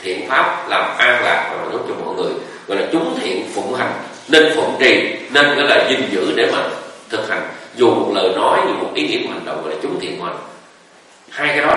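A man's voice: mid-range voice, bright, forceful tone. A man, a Buddhist monk giving a conversational dharma talk, telling stories and asking the audience rhetorical questions. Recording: echoey hall recording from far off.

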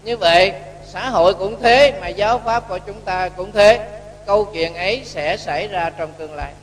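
A man preaching a sermon as a Buddhist monk, telling a story lively and acting out the dialogue. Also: high voice, moderate pace, soft background music. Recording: echoey hall with faint hum.

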